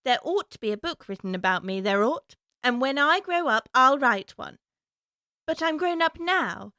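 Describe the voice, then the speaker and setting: A woman's voice: high-pitched, expressive, moderate pace, pushed and bright, no echo, studio quality, heavily acted. A woman playing Alice, a curious young girl chattering away to herself in a prim, wondering way, for a full-cast audiobook. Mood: musing.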